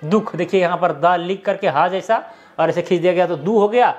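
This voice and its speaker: Man, casual teacher, step-by-step explaining, slightly high voice. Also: fairly quick, soft background music. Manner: explains step by step, often checks in with the viewer.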